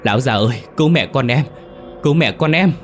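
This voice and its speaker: A man voicing a frightened, cruel noblewoman in a ghost story, shouting in panic. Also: sits low, normal speed, a little hiss or hum, natural voice. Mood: terrified.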